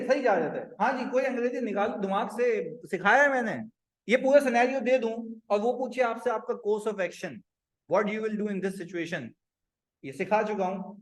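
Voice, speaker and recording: A man teaching an accounting class with a high voice. He is animated, acts out client conversations and keeps quizzing the room. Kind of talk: classroom lecture.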